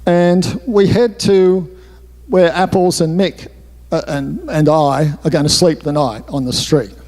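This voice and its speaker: A man's voice: fairly high pitch, a little slow, a little mellow. An author telling a candid, rambling story with asides, speaking in a hall with his slides. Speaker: author giving a talk. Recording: roomy hall reverb.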